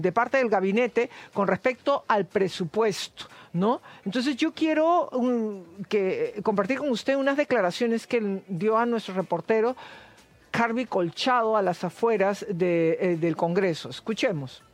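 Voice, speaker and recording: A man hosting a TV interview, halting and searching for words as he talks. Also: high-pitched, animated. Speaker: talk show host. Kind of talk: live TV interview.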